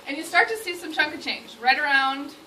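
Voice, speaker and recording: A woman presenting to a live audience at a sales event, energetic and rallying, checking in with "okay?" again and again. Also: sits high, a little fast. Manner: energetic, rallying the crowd, keeps asking "okay?". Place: indoor meeting room with an audience. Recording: echoey room, distant mic, noisy.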